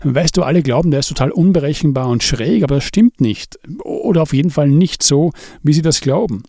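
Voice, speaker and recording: A man's voice: a little high, brisk, creaky, warm tone, no room sound, studio quality. A man voicing Andi, a troubled, brooding adult man, in an audiobook. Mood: worried.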